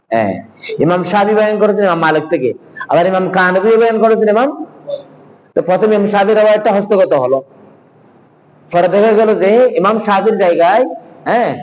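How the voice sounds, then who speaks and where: A man's voice: high-pitched, slight background noise, low-quality recording. A man teaching a hadith class online, asking his students questions and answering them himself, with Arabic recitation in between. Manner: mixes in Arabic recitation and Hindi-Urdu phrases.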